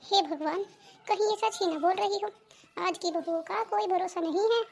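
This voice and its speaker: A woman's voice: very high-pitched, moderate pace, gravelly. Woman doing a suspicious cartoon mother-in-law. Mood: worried. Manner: anxious, accusing. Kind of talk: cartoon dubbing.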